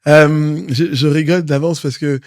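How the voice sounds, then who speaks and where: A man from Cameroon speaks with a Cameroonian French accent in a fairly high voice. He is an interview guest who drives his points home by repeating words. The sound is dry and close. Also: steady tone, normal speed, dry recording. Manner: emphatic, repeats words for stress. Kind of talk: interview conversation.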